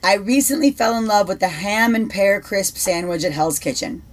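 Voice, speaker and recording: A woman co-hosting a casual podcast, giving prepared answers in a measured, steady way. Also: medium pitch. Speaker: podcast co-host.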